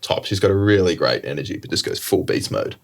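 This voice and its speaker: A man co-hosting a podcast, animated in his telling and quick to laugh. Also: low voice, creaky. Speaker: podcast co-host. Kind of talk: casual chat.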